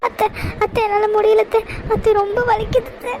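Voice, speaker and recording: Woman doing a very high-pitched young mother in labor. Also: little pitch movement, a little fast, background noise. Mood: pained. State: crying out in pain.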